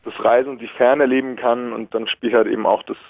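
Twentysomething guy on a tinny phone line, gravelly, rambly. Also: medium pitch, little pitch movement, quick pace, dry recording. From Berlin, Germany. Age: 20s. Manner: rambling, many fillers and restarts, easy laughs. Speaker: caller. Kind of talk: casual phone-in chat. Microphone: telephone.

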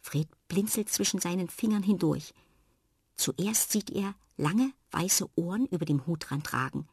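A woman narrating a children's story in a calm, expressive reading voice. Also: lowish voice, a little slow, breathy edge, no echo, studio quality.

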